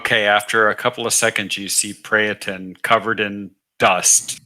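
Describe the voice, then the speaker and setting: A man's voice: on the low side, level tone, moderate pace, bright, forceful tone. A man running a tabletop game as game master, narrating and explaining outcomes matter-of-factly.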